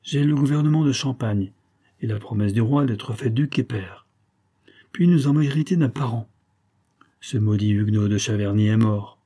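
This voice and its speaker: A man reading an audiobook, voicing a brutal, raging middle-aged nobleman count who blusters loudly. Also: medium pitch, moderate pace, husky, natural voice. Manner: loud and blustering.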